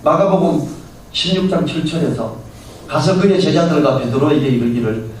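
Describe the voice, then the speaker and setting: A man's voice: on the high side, expressive, moderate pace, a little mellow, a little hiss or hum. Male pastor, Sunday sermon, storyteller who acts out characters, heavy hall echo, distant mic. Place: church sanctuary. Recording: very echoey church hall, mic far off.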